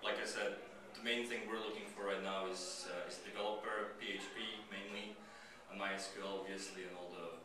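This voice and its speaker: A man from Slovakia pitching his startup at a meetup, talking casually with many fillers and restarts. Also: flat delivery, fairly quick, few pauses. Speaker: startup founder giving a pitch. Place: meetup venue. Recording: echoey room, mic far off, crowd behind.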